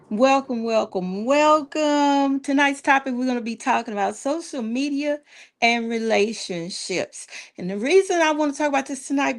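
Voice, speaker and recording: Woman hosting a casual chat show, kinda high voice, folksy and animated, repeats stuff. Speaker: talk show host. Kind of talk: casual live call-in style chat.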